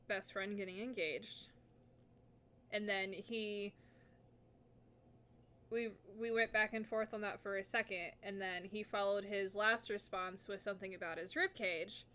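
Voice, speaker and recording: A bright, clear-toned woman chats away while streaming her game. Her pitch sits mid-range and her talk is casual and full of laughter. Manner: chatty, laughs often.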